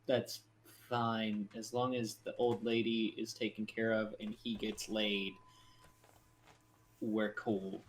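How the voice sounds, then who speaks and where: A man playing a tabletop game, blunt and deliberate. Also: lowish voice, level tone. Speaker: player. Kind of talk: casual tabletop play.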